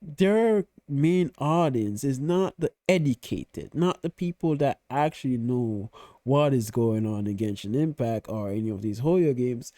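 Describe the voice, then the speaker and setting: A man's voice: medium pitch, animated, unhurried, warm tone, no echo, studio quality. A man giving casual reaction commentary in a blunt, opinionated way, swearing freely. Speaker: reaction video host.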